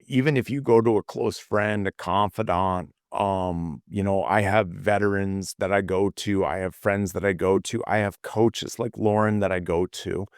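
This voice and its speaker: A man co-hosting a motivational talk, earnest and full of fillers and restarts, a little hoarse as he loses his voice. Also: low-pitched, steady tone, normal speed, hardly any pauses, dry recording, clean studio sound. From California. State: losing his voice a bit. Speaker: podcast co-host.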